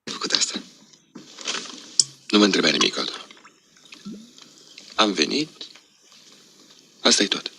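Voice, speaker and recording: An actor playing a weary male army officer in a film scene, speaking in a flat, resigned way. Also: low voice, moderate pace, vocal fry, pauses often, a little hiss or hum, heavily acted.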